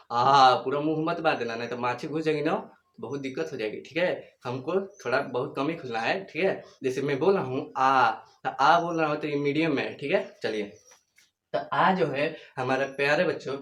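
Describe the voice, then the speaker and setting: A man's voice: fairly high pitch, fairly bright tone. A young man gives a whiteboard grammar lecture, repeating himself and asking and answering his own questions, stretching out the sounds he demonstrates. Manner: repetitive, asks questions and answers them himself; slow, drawn-out demonstration of sounds. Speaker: teacher. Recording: echoey room.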